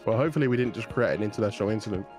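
A man's voice: fairly low pitch, animated, rapid-fire, music in the background, close to an everyday voice. A man role-playing a polite but firm police officer with a procedural, wry way of talking. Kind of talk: improvised game role-play.

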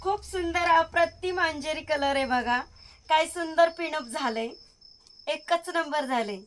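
A woman's voice: high voice, a little slow, poor audio. A woman, sweet-talking and eagerly praising sarees in a shop vlog. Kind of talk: lively sales vlog.

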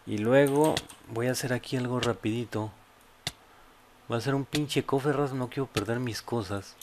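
A man with a Mexican accent giving casual, profane commentary as he plays a game, often bursting into loud yelps. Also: mid-range voice, normal speed, background noise. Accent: Mexican Spanish. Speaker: gameplay YouTuber.

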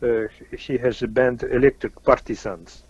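A man from Kazakhstan with a Russian accent, answering interview questions haltingly with many fillers and restarts. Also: medium pitch, level tone, slightly rough, no echo, muffled recording. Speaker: interview guest, musician.

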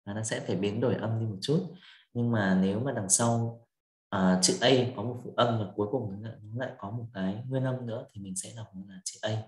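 A man teaching English pronunciation, going over quiz answers patiently, step by step, and often checking with his students. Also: lowish voice. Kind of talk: online quiz review lesson. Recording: echoey room with faint music.

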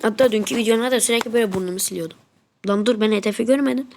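Woman, gaming host, stuffy congested nose, gravelly fry, casual play-by-play, muttering then shouting. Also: fairly high pitch, very fast, slight background noise. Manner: excitable, muttering then yelling at the game. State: congested with flu, blocked nose. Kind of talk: casual gameplay commentary.

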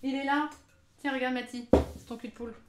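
A young woman livestreams while cooking, chatting casually, making jokes at her own expense and laughing often. Her voice is high and steady and a little fast. The audio is very noisy, with a roomy kitchen and faint clatter around her.

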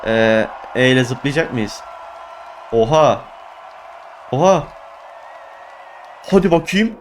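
A young man giving excitable let's play commentary, exclaiming and groaning at his failures. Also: mid-range voice, slow pace, a little hiss or hum. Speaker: gaming YouTuber.

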